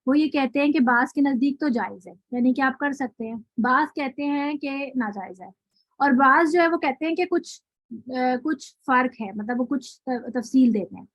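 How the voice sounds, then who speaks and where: Through a muffled recording, a high-voiced woman explains recitation rules to her online students. She frequently asks questions to check that they understand and stretches example words out slowly.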